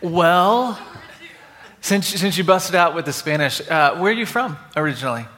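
A man's voice: high-pitched, lively intonation, moderate pace, pushed and bright. A man hosting an onstage interview before an audience, upbeat and encouraging. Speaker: host interviewing church members. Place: church hall before an audience. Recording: echoey hall with audience noise.

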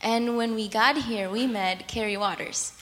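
A woman's voice: a little high, measured pace, fairly bright tone. Chatty young woman in an echoey hall. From Colombia. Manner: chatty, laughing often. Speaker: church member guest. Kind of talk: onstage testimony.

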